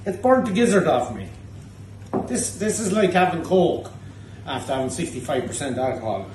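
A Cork-accented Irishman in his thirties hosts a pub tasting show, his voice on the high side, very animated and darkish in tone at a normal pace. He teases cheekily and swears freely in casual banter over the drinks. The distant mic catches an echoey indoor pub bar with faint background noise.

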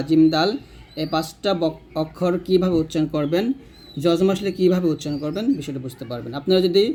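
A male Quran reading teacher, explaining quickly and then drilling single syllables slowly and clearly. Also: on the high side, darkish tone, a little hiss or hum. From Bangladesh. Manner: brisk explanations broken by slow, drawn-out drills of single syllables. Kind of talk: online tutorial lesson.

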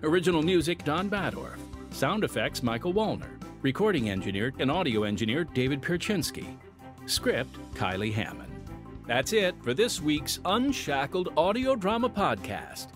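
A male podcast host narrates a scripted radio podcast, addressing listeners earnestly and directly. His voice is a little high and very animated at a normal speed, recorded in a dry studio over a music bed.

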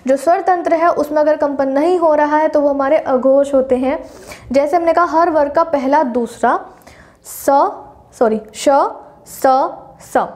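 A woman's voice: high-pitched, fairly even intonation, normal speed, darkish tone. A young woman giving a Hindi grammar lesson, reciting the consonants one by one and explaining each point step by step, correcting her own slips as she goes. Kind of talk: classroom lecture.

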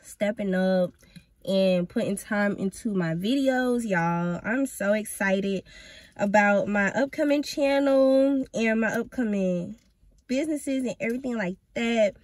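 At home and eating while she films, a female vlogger chats to camera in a medium-pitched, slightly mellow, unhurried voice with no echo. She's laid-back and slangy, leaning on "y'all" and "or whatever," and turns blunt and brash when calling people out.

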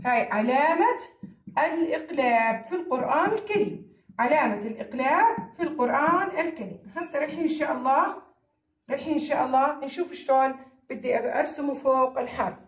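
A woman's voice: sits high, animated, fast. A woman teacher with a Jordanian accent giving a recorded lesson to children, repeating key phrases and answering her own questions. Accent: Jordanian Arabic. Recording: echoey room.

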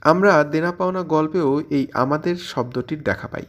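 Slightly high and a bit bright, this man's voice keeps a moderate pace. As host of a literary audio channel, he presents scripted commentary in an explanatory style, asking questions aloud and answering them as he proceeds.

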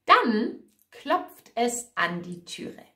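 A woman teacher telling a fairy tale to learners, speaking very slowly, clearly and repetitively. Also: a little high, very animated, bright, forceful tone. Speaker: German teacher. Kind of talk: storytelling lesson for learners. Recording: echoey room.

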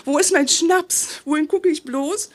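A woman's voice: high-pitched, a little slow. A woman performing her own rhymed poem on a festival stage, with a rhythmic, self-mocking delivery. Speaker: slam poet. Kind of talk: rhymed poetry slam performance.

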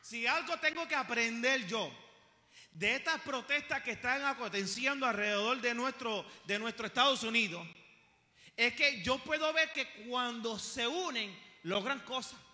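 High bright-voiced pastor preaching. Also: male voice, moderate pace, big-room sound. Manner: impassioned preaching with rhetorical questions and humorous asides. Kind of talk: sermon. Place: church sanctuary.

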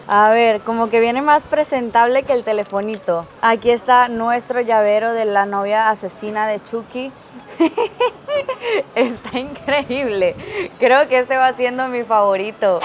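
A chatty, excitable woman gives casual vlog commentary, her voice sitting a little high. She laughs often as she talks. A busy capsule-toy shop fills the background with loud ambient noise. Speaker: travel vlogger.

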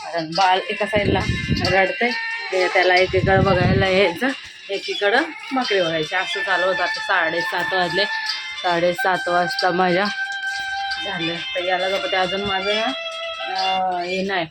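A woman's voice: fairly low pitch, level tone, unhurried, loud music behind the voice. A young woman with a Marathi accent narrating her household chores in a casual home vlog, chatty and talking as she works. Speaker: vlogger, homemaker and mother. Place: home kitchen. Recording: loud background noise at home.

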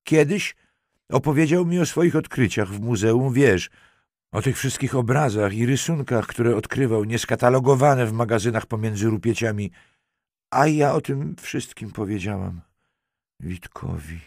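A man's voice: medium pitch, expressive, measured pace, gravelly, a little mellow, dry recording, voice pushed up. A man reading a young woman, teasing at first and later frightened and close to tears. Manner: teasing, then pleading and breathless.

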